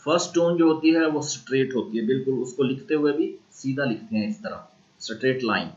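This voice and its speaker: A man with a Pakistani accent giving a recorded university lecture, explaining slowly and repeating sounds aloud to model them. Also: mid-range voice, animated, darkish tone, highs cut off. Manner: slow, repetitive explaining, modeling tones aloud. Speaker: language teacher.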